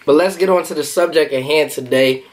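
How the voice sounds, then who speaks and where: Man, hoarse voice, mukbang host, casual slangy chat, a bit high. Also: a little fast. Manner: slangy, chatty while eating. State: hoarse, lost voice. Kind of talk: casual eating-show chat.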